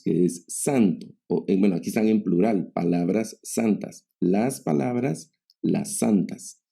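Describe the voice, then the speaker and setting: Male teacher, very dark and husky tone, patient lecturing manner. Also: low voice. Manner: patient, explanatory, addresses students. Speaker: Greek teacher. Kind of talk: online class lecture.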